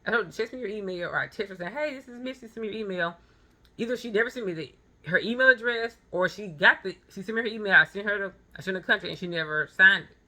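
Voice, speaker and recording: A fast-talking vlogger and photographer in her thirties, with a medium-pitched, bright and forceful voice, gives a blunt motivational monologue. She weaves in personal anecdotes and repeats phrases for stress.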